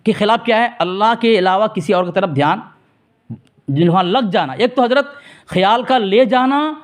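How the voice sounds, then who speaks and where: A man in a theological debate over a phone call, insistently pressing his opponent for answers while staying formally respectful. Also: high-pitched. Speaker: religious debater.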